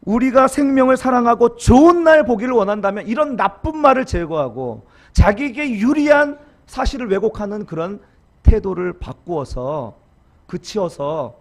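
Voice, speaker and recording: Middle-aged pastor guy preaching, high voice, swoops all over, gets the church repeating after him. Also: very animated, moderate pace. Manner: acts out harsh example quotes in dramatic voices; call-and-response with congregation. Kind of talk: sermon.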